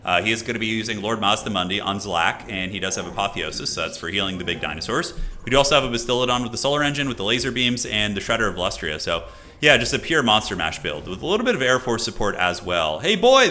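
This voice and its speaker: This is a man in his thirties talking casually to his stream chat and then calling a strategy game match. His voice sits a little low but has a bright, forceful edge. He rambles, restarts his sentences and scatters fillers throughout. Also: big pitch swings, quick pace. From United States. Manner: loose and chatty, many fillers and restarts, reads chat aloud. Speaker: streamer and caster.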